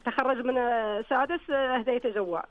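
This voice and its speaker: Older woman, grandmother calling in, dull lo-fi phone line, dry sound, chatty, brisk pace. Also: a little high, dry recording, faint music behind. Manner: chatty and warm-hearted, with small restarts. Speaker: caller. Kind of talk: call-in on a live radio show.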